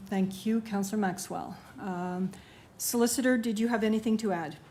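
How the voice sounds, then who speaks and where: A woman's voice: mid-range voice, dark tone. Woman chairing a council meeting. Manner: measured, procedural.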